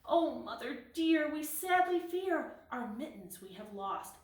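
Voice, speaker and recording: A woman voicing three small kittens in a high, sing-song pleading voice. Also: big pitch swings, slow. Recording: roomy echo, mic at a distance.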